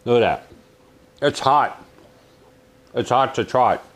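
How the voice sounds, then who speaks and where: A man reviewing a kitchen oven in a home kitchen, chatting excitedly with viewers. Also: medium pitch, slow. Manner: exuberant, chatty, calls viewers "my friends" and "baby". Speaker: cooking appliance reviewer. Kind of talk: casual cooking review.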